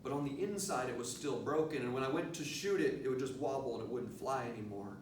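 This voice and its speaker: A man giving an earnest, emphatic motivational lecture to students, leaning on rhetorical questions. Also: quick pace. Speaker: motivational speaker, teacher addressing students. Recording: echoey room, distant mic, low rumbling noise.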